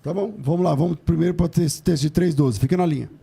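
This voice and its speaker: A Brazilian man hosting and moderating a live religious debate as a pastor, questioning in a halting, insistent way. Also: on the high side, creaky, warm tone, breathy edge. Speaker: host pastor.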